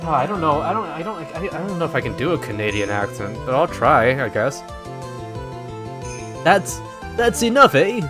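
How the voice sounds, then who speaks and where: A man streaming a game, chatting casually and excitably, swearing and restarting often. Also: mid-range voice, quick pace, few pauses. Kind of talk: casual let's-play chat. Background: game music.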